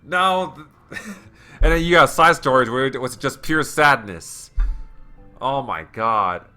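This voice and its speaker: A man's voice: mid-range voice, animated, slow, pushed and bright, clear, resonant tone, soft background music. A man hosting a let's play, giving emotional, rambling commentary full of fillers. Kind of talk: game commentary.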